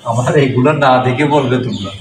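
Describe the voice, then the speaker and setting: A man's voice: mid-range voice, fast. A man, a Buddhist monk, teaching a class how to pronounce letters, patiently repeating each sound and quizzing his students. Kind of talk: classroom pronunciation lesson. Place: classroom with a board. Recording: echoey room, distant mic, noise.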